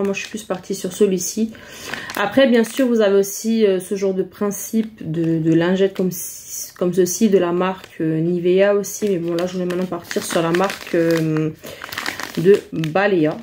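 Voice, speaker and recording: A woman's voice: medium pitch, fairly even intonation, moderate pace, warm tone, slight background noise. A woman chatting casually through a shopping haul vlog, hesitant and full of fillers. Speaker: vlogger showing a shopping haul.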